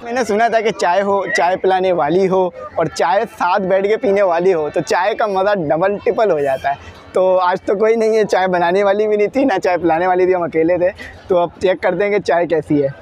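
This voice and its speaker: A man's voice: high voice, moderate pace, darkish tone. A young man with a Pakistani Urdu accent, vlogging casually to camera on a railway platform and talking chattily to his viewers. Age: young adult. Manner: chatty, addresses viewers as "bhai" often, frequent fillers. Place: outdoor railway station platform. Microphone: small lapel mic. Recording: outdoor station with faint noise.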